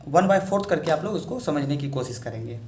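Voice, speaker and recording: Man, patient teacher, repeats steps, slightly high voice, echoey room. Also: lively intonation, a little fast, darkish tone, a little hiss or hum. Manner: patient, repeats each step with frequent check-ins. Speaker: shorthand teacher. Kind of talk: step-by-step lesson.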